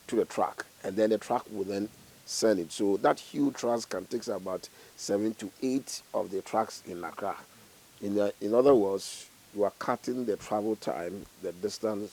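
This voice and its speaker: A man giving a halting interview answer as an official, repeating words as he explains. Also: fairly low pitch, mellow, rough recording.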